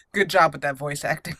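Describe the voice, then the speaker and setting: This gameplay channel host plays through a roleplay game, giggling and theatrical as she moves between commentary and lines in character. Her voice sits on the low side with a fairly bright tone, recorded at studio quality with no echo. Faint game music plays underneath.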